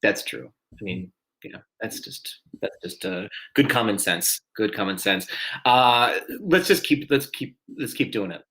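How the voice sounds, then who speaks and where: A man's voice: lowish voice, lively intonation, measured pace, fairly bright tone, rough recording. A man hosting a live-streamed trivia night, chatty and self-deprecating, often chuckling at his own mistakes. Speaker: trivia host.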